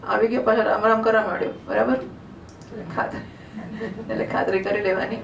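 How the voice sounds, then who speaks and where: Gravelly woman giving a scripture talk. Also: mid-range voice, steady tone, fairly quick, highs cut off, a little hiss or hum. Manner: conversational, asks the audience questions. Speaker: religious storyteller. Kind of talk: devotional scripture discourse. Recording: roomy hall, distant mic, faint ambience.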